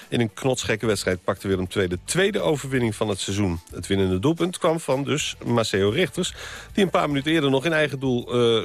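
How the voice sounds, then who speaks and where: A male presenter reads football results in a brisk, scripted radio style. His pitch moves a lot, rising and falling through each score line. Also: vocal fry. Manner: lively results bulletin delivery. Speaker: sports news presenter. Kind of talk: scripted sports news reading.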